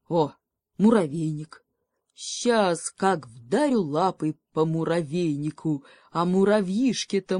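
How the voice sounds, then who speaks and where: A woman's voice: mid-range voice, dark tone, no room sound, studio quality. A woman voicing a bored, bullying young male wolf cub who drawls and mocks. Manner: lazy, drawling, mocking.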